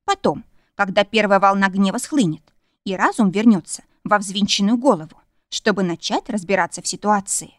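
A woman's voice: mid-range voice, moderate pace, no echo, studio quality. A woman narrating a first-person audiobook with vivid, emotional delivery.

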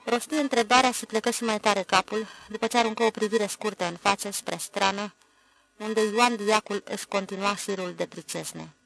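A narrator reading a literary novel aloud in a measured, even way. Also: mid-range voice, creaky, poor audio. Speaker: audiobook narrator.

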